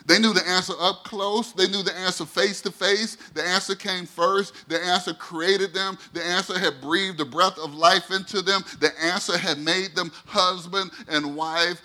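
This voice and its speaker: Male pastor, somewhat high voice, bright and forceful, dramatic sermon delivery. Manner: swings from loud preaching to hushed, slow, dramatic delivery.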